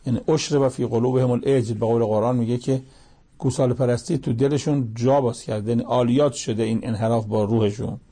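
A male preacher with a gravelly, husky voice delivers a sermon in a mellow, dark tone. He breaks into recited Arabic verses and drives his points home with pointed rhetorical questions. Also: medium pitch, steady tone.

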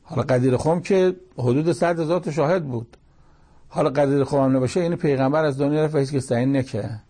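A man's voice: on the high side, warm tone. A man giving a religious lecture, explaining verses in a plain conversational teaching manner with quoted asides. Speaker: cleric.

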